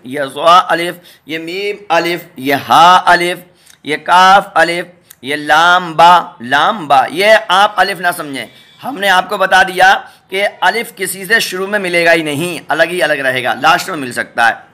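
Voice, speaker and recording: A man teaching a Quran reading lesson, patiently naming letter pairs and repeating each one slowly for his viewers. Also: sits high, sharp tone. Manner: addresses viewers directly, asks them to look. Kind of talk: step-by-step spoken lesson.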